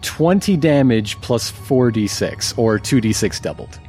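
A man running and narrating a tabletop game as game master, animated and wry. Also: mid-range voice, a little slow. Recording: faint music behind.

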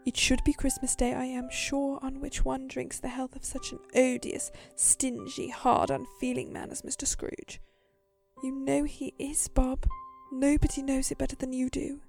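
A woman playing a poor, motherly but sharp-tongued mother of a large family in a dramatized story. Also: sits high, little pitch movement, normal speed, gravelly, soft background music. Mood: indignant.

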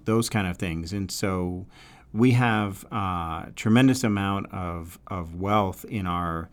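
Low-voiced New York man, halting delivery. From New York, USA. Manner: halting, thinking aloud with frequent pauses. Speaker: podcast host giving dating advice to women. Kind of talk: casual solo podcast talk.

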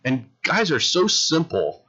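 A man's voice: a little high, wildly swooping pitch, a little slow, pushed and bright, husky, muffled recording. A man in his fifties telling rambling everyday stories on a casual podcast, swearing casually. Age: 50s. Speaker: podcast guest. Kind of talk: casual storytelling.

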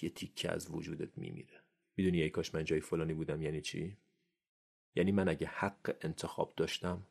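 A man delivers a motivational podcast monologue in a very low voice with a gravelly edge. His tone is husky and breathy. He talks earnestly straight to the listener and leans into the key phrases. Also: darkish tone. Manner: earnest, addresses listener directly, rising emphasis on key phrases. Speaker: podcast host.

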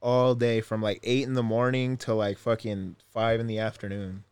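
A man's voice: on the low side, level tone, normal speed, darkish tone, smooth. A young man in a casual podcast chat, blunt and cursing freely. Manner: blunt, swears a lot.

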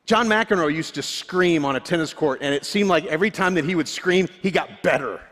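A man's voice: a little high, a little fast, a bit bright. A male pastor giving a sermon, candid and self-deprecating, often restarting his sentences. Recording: long hall reverb.

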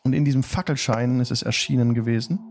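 A man hosting a tabletop game stream as game master, narrating the recap in a deliberate storytelling manner with drawn-out phrases. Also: medium pitch, fairly even intonation, a little mellow, slight background noise.

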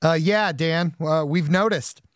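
A man's voice: on the high side, a little slow, dry recording. Chatty podcast host man, dry sound. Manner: self-deprecating, laughs often, rambling fillers. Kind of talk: casual podcast monologue.

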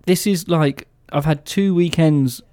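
A man's voice: a little high, measured pace, dark tone, dry recording, clean studio sound. An English-accented man co-hosting a radio show, telling anecdotes in casual chat. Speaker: radio show co-host, musician.

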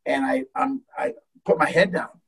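An older man, a baseball coach, telling an emotional story in an animated way with many restarts. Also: medium pitch, normal speed, vocal fry, breathy edge, far from the mic, low-quality recording. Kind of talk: storytelling in a talk show.

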